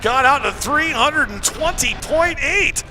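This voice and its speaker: A man with a very high-pitched voice announces a tractor pull live outdoors. His calls are excited and stretched out for emphasis. Clear engine and outdoor noise runs behind him. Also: measured pace. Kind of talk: live sled pull commentary. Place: outdoor motorsport event over engine noise.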